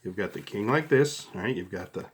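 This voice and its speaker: A man's voice: on the low side, expressive, a little fast, a little hiss or hum. A middle-aged man talks through a hands-on tutorial step by step in a casual, conversational way, often checking in as he goes. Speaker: card trick instructor.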